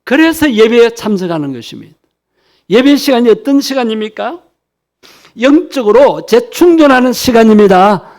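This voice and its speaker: A man with a high voice delivers a sermon at a church service. He preaches in an earnest, exhortative way, speaking directly to the congregation and urging them on. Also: darkish tone. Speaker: pastor.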